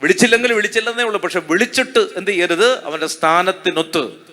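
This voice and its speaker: A priest with a Malayali accent preaching a sermon, asking rhetorical questions and calling the congregation to answer hallelujah. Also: male voice, high voice, quick pace, sharp tone. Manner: call-and-response preaching, asks the crowd to say hallelujah; rhetorical questions, repeats phrases.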